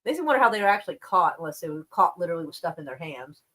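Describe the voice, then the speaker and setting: A woman's voice: on the low side, sing-song, racing, fairly bright tone. A woman chatting casually on a live stream about the news, rambling and wry, with plenty of swearing. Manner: profane, laid-back, wry.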